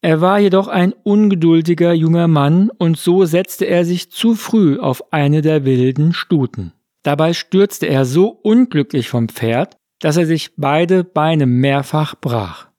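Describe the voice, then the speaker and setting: A man narrating a fable in a calm, deliberate storytelling reading. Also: fairly high pitch, dry recording, clean studio sound.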